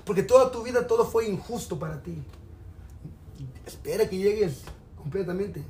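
A man's voice: high voice, animated, normal speed, darkish tone. A man preaching a sermon in a colloquial, exhorting way, addressing listeners directly. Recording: echoey room, faint background noise.

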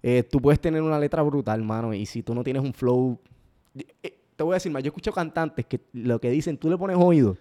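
A man speaking as a guest in a casual conversation. He talks at a rapid clip and tells his stories with animated energy, often restarting his sentences in quick bursts. His pitch sits in a middle range. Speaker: guest, parody video creator.

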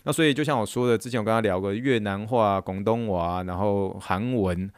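A man, hosting a casual chat and telling stories in a lively way that acts out what people said. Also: fairly low pitch, brisk, smooth, no echo, clean studio sound. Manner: animated storyteller who acts out quotes. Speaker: podcast host and therapist.

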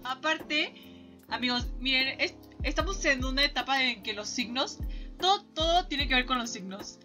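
A young woman with a Mexican accent, co-hosting a casual chat podcast, bubbly and quick to laugh. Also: high voice, bright, forceful tone, faint music behind. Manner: bubbly, laughs often, slangy filler "o sea". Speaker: podcast co-host.

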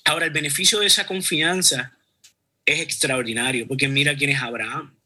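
Husky, forceful man speaking earnestly. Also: fairly high pitch, fairly even intonation, fairly quick. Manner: earnest, with many restarts. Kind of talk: religious conversation and storytelling.

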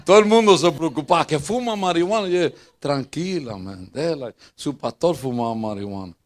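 An older man with a Puerto Rican accent, preaching in a church as pastor and telling funny personal stories, jumping between loud bursts and quiet asides. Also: a little fast. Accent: Puerto Rican Spanish. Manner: lively, joking storyteller who swings between loud bursts and low asides.

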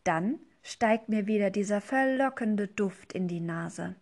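A woman, a teacher, reading a children's storybook aloud in a gentle, lively way. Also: medium pitch, measured pace.

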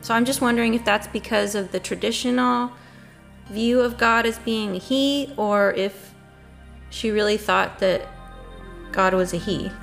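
A woman's voice: medium pitch, a little slow, vocal fry, fairly bright tone, soft background music. A woman co-hosting a casual podcast discussion, thoughtful and musing, often murmuring agreement. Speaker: podcast co-host.

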